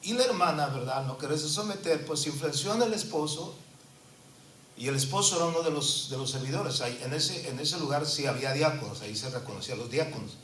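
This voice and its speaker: A pastor in his fifties preaches earnestly, often adding tag questions, his bright, forceful voice ringing out. He sounds set back from the microphone in an echoey church, with faint noise underneath. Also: on the high side, lively intonation, brisk, far from the mic. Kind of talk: sermon with personal testimony.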